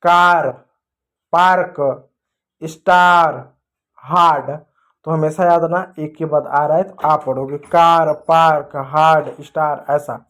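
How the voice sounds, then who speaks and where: A man teaching an English phonics lesson to children. He asks his own questions, answers them, and repeats example words slowly and emphatically, often addressing the children affectionately. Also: a little high, fairly even intonation. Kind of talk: classroom-style phonics lesson.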